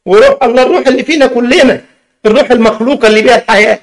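High-voiced Egyptian man teaching in a mosque. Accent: Egyptian Arabic. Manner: keeps asking the listeners questions and stretches key words slowly. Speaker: religious teacher. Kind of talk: mosque lesson in plain colloquial speech.

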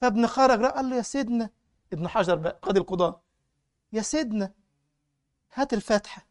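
A man with an Egyptian Arabic accent preaching in colloquial style, telling stories in an animated, mocking way. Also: sits high, fast talker, no room sound, clean studio sound. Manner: animated, mocking storyteller with laughter. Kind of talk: colloquial sermon with storytelling.

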